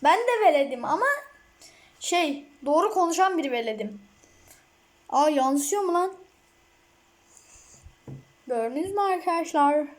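Excitable high-voiced woman gamer. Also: unhurried, pauses often. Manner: excitable, rambling, frequent laughs and outbursts. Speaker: mobile gamer. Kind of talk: casual gameplay commentary.

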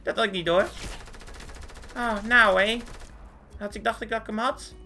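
A performer voicing a squeaky, hyper, cartoonish young male gamer, chattering boastfully through gameplay commentary. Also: unhurried, a little hiss or hum. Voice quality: squeaky, swooping, with sudden high squeals. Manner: excitable, boastful, chatters nonstop at the screen. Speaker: game commentator.

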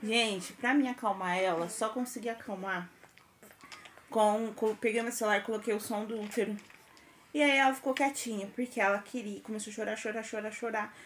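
Woman, Brazilian Portuguese accent, young mother, chatty home vlog, fairly high voice, faint background hiss. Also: fairly even intonation, fairly quick. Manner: chatty, keeps addressing viewers. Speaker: vlogger and mother.

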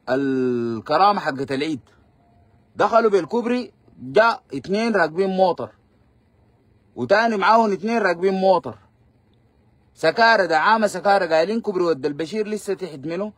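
A man's voice: sits high, slightly rough, no echo. A man with a Sudanese Arabic accent giving combative, fiery political commentary on a live stream.

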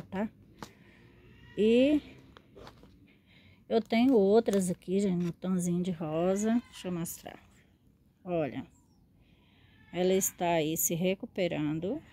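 A woman's voice: mid-range voice, warm tone, a little hiss or hum. A woman, a succulent grower and seller, chatting fondly in a show-and-tell vlog and often checking in with her viewers.

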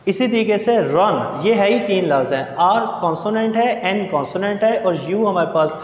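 High-voiced man teaching grammar. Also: lively intonation, slight background noise. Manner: explains slowly, spells out words letter by letter. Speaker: English lecturer. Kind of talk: grammar lecture over slides. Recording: echoey room with long reverb.

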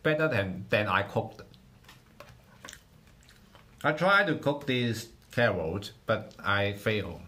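Slow, halting man. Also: fairly low pitch, expressive, sharp tone. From Hong Kong. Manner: halting, repeats words while tasting. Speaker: livestreamer. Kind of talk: casual livestream food tasting.

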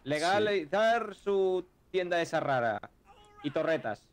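A man's voice: sits high, expressive, a little slow. A man, talking business in character during game role-play.

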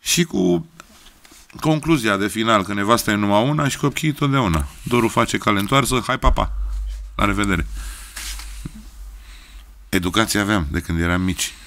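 A man's voice: on the low side, long pauses, fairly bright tone, a little hiss or hum. A Romanian man in his fifties, a guest singer chatting casually in an earthy, colloquial way with slangy interjections. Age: 50s. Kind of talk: casual chat.

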